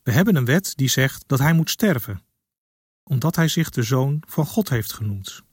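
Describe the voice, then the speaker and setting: Actor as husky, insistent accuser, lively pitch. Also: male voice, normal speed, dry recording, clean studio sound. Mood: accusing. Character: accusing male temple leader.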